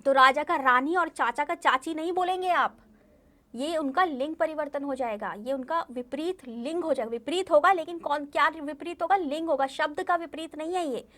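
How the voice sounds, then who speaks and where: A woman's voice: sits high, normal speed, sharp tone. A young woman teaching a class of young children, patient and repetitive, often asking them questions. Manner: patient, repeats herself, asks the children questions. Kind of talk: online class lesson.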